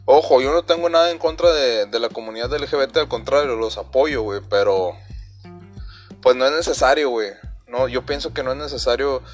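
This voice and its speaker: A man's voice: mid-range voice, fairly quick, soft background music. A man with a Mexican accent hosting a casual comedy podcast, joking in slang and talking straight to his listeners. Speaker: podcast host.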